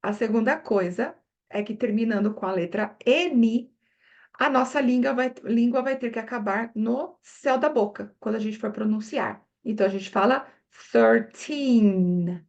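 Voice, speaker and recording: A woman teaching English pronunciation to Portuguese speakers. She models each number slowly, exaggerates her mouth movements and keeps checking in with the learner. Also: a little high, dull audio. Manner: models words one by one, asking learners "né?". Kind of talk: pronunciation lesson.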